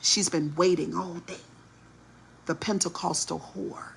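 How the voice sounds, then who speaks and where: A woman telling a family story in a vlog, indignant and preachy, sometimes dropping to a hush. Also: lowish voice, steady tone, unhurried, creaky, a little hiss or hum. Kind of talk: slow, heated storytelling monologue.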